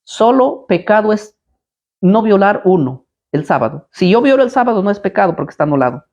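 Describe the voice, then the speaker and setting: A man's voice: sits high, sing-song, fairly quick, darkish tone, highs cut off. Combative man preaching with rhetorical questions. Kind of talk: live Bible study preaching.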